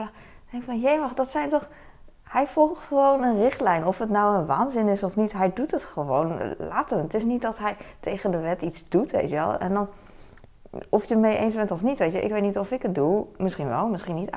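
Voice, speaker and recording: Gravelly-voiced woman rambling to camera. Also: medium pitch, animated, fairly quick, a little mellow. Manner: rambling, frequent fillers and "weet je wel". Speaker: vlogger. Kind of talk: casual chat to camera.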